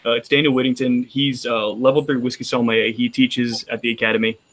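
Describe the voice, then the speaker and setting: A roundtable panelist from Texas chats casually with a Texan accent, rambling and restarting often. His mid-range voice is fairly bright, level in tone, and fast.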